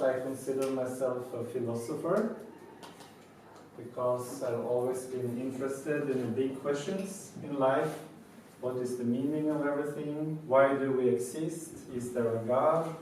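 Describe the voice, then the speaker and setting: A man in his thirties from Norway speaks slowly and methodically to a live audience. His voice sits in the middle range for a man. It comes from a distance in a very echoey room, with a faint hum behind it. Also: mid-range voice, a little mellow. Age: 30s. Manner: measured, methodical, with pauses. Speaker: speaker presenting his company. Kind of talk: prepared talk to a live audience.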